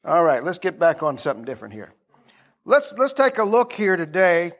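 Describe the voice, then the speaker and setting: Speaking animatedly and at a fairly quick clip, a middle-aged American pastor with a noticeably high voice preaches in a casual, down-home way. He leans on repetition and keeps urging his audience to reply, more chatting than orating.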